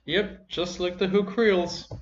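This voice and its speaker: A man's voice: high voice, fairly even intonation, slow pace, voice pushed up. A man voicing a sneering, blunt hobgoblin captive in a tabletop game, loyal to his master. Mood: sneering, defiant. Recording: roomy, slightly muffled, faint noise.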